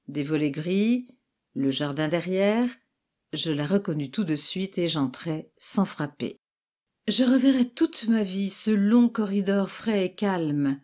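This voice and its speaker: A woman reading a classic tale aloud as narrator, with expressive storytelling. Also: fairly low pitch. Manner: expressive storytelling with lively exclamations. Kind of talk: literary audiobook reading.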